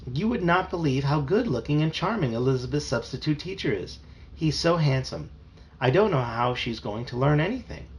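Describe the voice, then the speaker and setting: Guy voicing a prim storybook mom, firm, no-nonsense, lively up-and-down voice. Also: a little high, moderate pace, lightly acted. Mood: gushing. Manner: firm and scolding.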